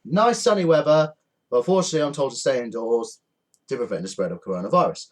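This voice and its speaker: A man's voice: medium pitch, expressive, fast talker. A man ranting angrily to camera from home, swearing often and repeating his points with indignation. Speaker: vlogger. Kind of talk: angry rant to camera. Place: indoors at home.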